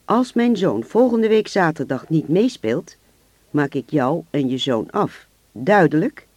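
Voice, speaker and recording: A man voicing a calm, menacing middle-aged father who speaks politely and then in quiet threats. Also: a little high, measured pace, dry recording, dull audio.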